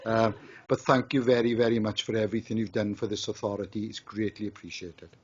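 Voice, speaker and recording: Husky Welsh council leader. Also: male voice, on the low side, little pitch movement, brisk, darkish tone. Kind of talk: tribute speech at a council meeting. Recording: dull lo-fi chamber mic.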